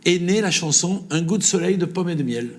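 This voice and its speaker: A man with a southern French accent, a singer, telling lively anecdotes in an interview and laughing often. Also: high voice, brisk, a little hiss or hum. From south of France. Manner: lively storyteller, laughs often, acts out dialogue. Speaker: singer guest. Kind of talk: storytelling interview.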